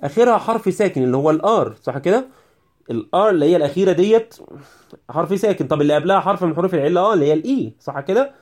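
A man's voice: high voice, expressive, racing. A man with an Egyptian Arabic accent giving a recorded English spelling lesson, often checking "right?" with his students and urging them to focus. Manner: repetitive, checks understanding with "right?"; prays for and urges students. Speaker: English teacher.

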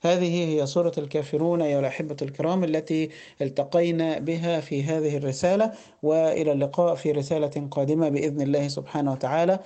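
A man's voice: fairly high pitch, fairly even intonation, warm tone. A man with an Egyptian Arabic accent teaching Quran recitation rules, explaining patiently and asking rhetorical questions. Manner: explains patiently, asks rhetorical questions, draws out words slowly. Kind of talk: tajweed lesson with slow recitation.

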